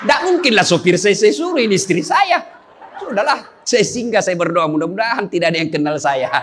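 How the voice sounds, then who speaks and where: A male Islamic preacher delivers a humorous sermon in a very high voice. He teases his listeners with playful questions, and a faint hiss sits under the recording. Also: lively intonation, fairly quick. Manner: joking, teasing the audience with questions.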